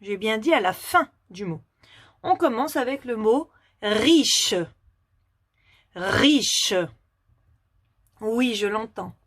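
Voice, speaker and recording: A woman teaching a phonics lesson to young children, asking questions patiently and clearly articulating each word. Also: fairly high pitch, animated, unhurried, dry recording, clean studio sound.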